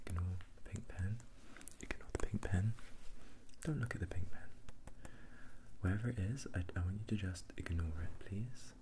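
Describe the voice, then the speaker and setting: A man doing a whispered role-play as an ASMR performer, repeating instructions and questions as he shifts between whisper and soft low voice. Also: normal speed, slight background noise. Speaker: ASMR performer giving mock eye tests.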